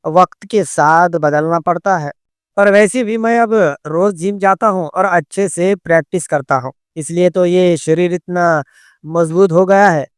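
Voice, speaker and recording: A man's voice: sits high, unhurried, clear, resonant tone, dry recording, clean studio sound. A man voicing a boastful young male cousin with a hero-like swagger, from a storybook narration.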